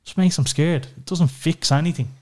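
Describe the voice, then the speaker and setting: On a podcast, an Irish man with a somewhat dark voice on the higher side speaks at a moderate pace. He opens up about family with candor and emotion, swearing freely and saying "you know" a great deal.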